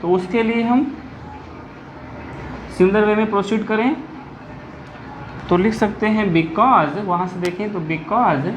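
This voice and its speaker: In an echoey room with dull, lo-fi audio and slight background noise, a teacher takes students through a physics derivation at the board, one step at a time. The mid-range voice dictates formulas carefully, moves between Hindi and English technical terms, and frequently checks for understanding.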